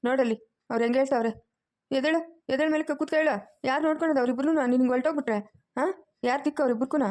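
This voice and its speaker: A woman voicing an anxious, caring adult daughter who speaks softly and pleadingly. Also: sits high, fairly even intonation, racing, natural voice.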